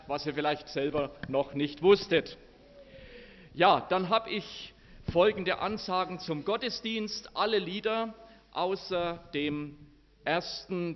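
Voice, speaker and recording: A man leading a church service and giving its announcements in a measured way, with halting fillers and restarts. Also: a little high. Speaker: worship leader. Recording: echoey church hall, dull lo-fi, faint music.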